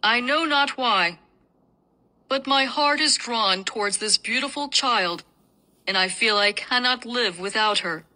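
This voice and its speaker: Lady reading as a soft-spoken young prince, earnest and pleading, bit higher than a guy. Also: unhurried, poor audio. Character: young male prince, tender and devoted.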